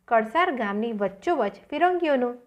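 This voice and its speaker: A woman's voice: a little high, expressive, normal speed. Woman reading a dramatic story. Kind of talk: scripted storybook narration.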